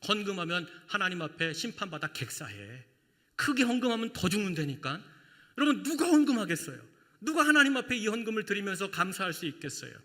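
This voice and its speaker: A male pastor preaching a sermon, animated, full of rhetorical questions and acted-out voices. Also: high voice, brisk. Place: church sanctuary. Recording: church hall with long reverb.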